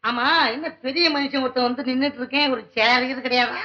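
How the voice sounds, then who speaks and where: A man's voice: very high voice, fairly even intonation, brisk, bright, forceful tone. An actor playing a cheeky middle-aged shop clerk who talks brash and teasing to his boss, in a 1960s film comedy. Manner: brash, teasing, mock-formal. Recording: dull old film soundtrack.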